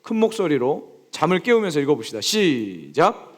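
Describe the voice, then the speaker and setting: Young man preaching, high pitched and animated, acts out voices. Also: moderate pace. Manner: lively preaching, asks the congregation questions; acts out quoted speech with big swings in pitch. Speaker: pastor. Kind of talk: sermon.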